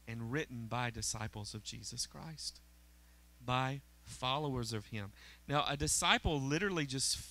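In a low-quality recording, a middle-aged pastor with a mid-range, pushed and bright voice preaches on an indoor church auditorium stage. Holding a handheld mic, he delivers a conversational sermon and often checks in with the congregation.

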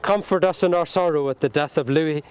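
A man leading a burial service outdoors at a cemetery, reciting the prayers in a solemn, measured way. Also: on the high side, clear, resonant tone. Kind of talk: liturgical graveside prayer.

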